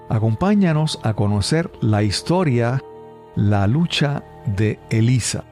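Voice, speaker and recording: Measured Spanish-speaking male podcast host. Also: mid-range voice, mellow. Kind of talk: podcast interview.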